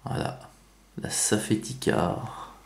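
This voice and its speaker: A man's voice: takes it slowly, echoey room, a little hiss or hum. A man giving casual unboxing commentary on toy cars, chatty, with many fillers and self-corrections.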